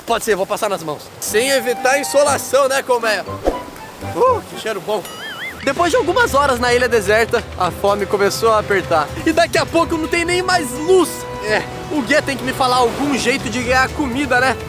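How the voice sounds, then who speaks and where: High-pitched, lively man vlogging outdoors. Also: a little fast, over music. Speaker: host of a survival challenge vlog. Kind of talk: casual outdoor challenge vlog.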